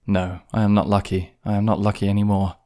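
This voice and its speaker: A tired old fisherman talks in a very deep, flat voice, as a male reader gives him voice. He sounds humble and worn out, speaking low and quietly. It plays like a spoken storybook. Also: quick pace, close to an everyday voice. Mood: weary. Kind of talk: audiobook character voice.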